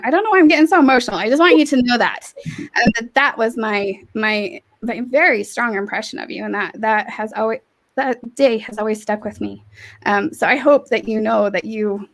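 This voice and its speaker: Casting note: woman podcast host, chatty and effusive, repeats and restarts a lot, earbud mic on a video call. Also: mid-range voice. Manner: warm-hearted, rambling, lots of restarts and fillers. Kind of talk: casual interview chat. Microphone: earbud headset on a video call.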